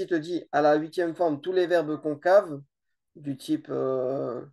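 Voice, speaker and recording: Hesitant teacher explaining grammar slowly. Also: mid-range voice, a little mellow. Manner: explains slowly, repeats words, many hesitations. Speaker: Arabic teacher. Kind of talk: informal grammar lesson.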